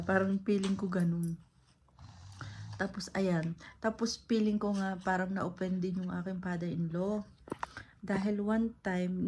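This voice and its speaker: A woman's voice: medium pitch, mellow, a little hiss or hum. A woman from the Philippines chatting casually in a vlog, rambling with lots of fillers. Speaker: vlogger.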